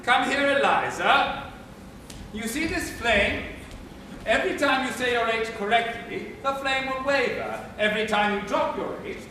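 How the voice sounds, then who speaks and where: A man playing an impatient, pompous professor in an amateur stage play, lecturing in a brisk, commanding way. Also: very high-pitched, pushed and bright, slight background noise, exaggerated voice. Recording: echoey stage, distant mic.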